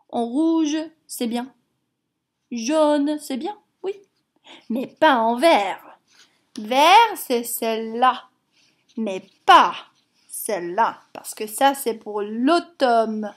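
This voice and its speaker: A woman teaching young children a homework lesson, patient and encouraging, repeating each word. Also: high voice.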